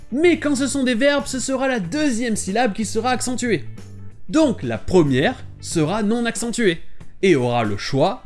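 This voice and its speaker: Lively man teaching pronunciation. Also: very high voice. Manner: clear, explanatory, modelling words slowly. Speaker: English teacher and channel host. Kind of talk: scripted pronunciation lesson. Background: soft background music.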